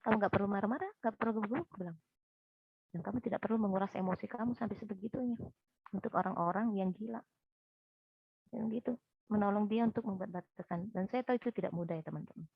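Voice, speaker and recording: Animated woman speaker, dull dry recording. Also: medium pitch, fast talker, creaky, breathy edge, dry recording. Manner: lively storytelling, often addressing the listeners directly. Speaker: counselor and guest speaker.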